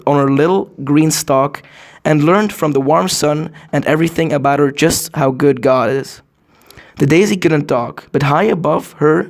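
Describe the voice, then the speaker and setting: A male storyteller with some gravel in his voice reads as if opening a fairy tale. He addresses the listener directly and expressively, with the odd small stumble. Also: on the high side. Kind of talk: fairy tale read aloud.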